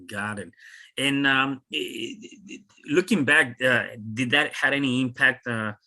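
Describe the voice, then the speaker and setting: A male podcast host with a bright, forward voice. He halts often, restarting words and filling gaps with "uh" as he works toward his questions. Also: mid-range voice. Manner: halting, many fillers and restarts. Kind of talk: interview.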